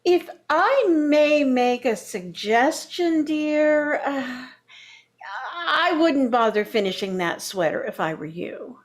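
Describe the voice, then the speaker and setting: An actress plays a condescending older mother-in-law, sugary and backhanded, in the manner of a vintage radio sitcom. Her high, animated voice moves slowly and sounds patronizing.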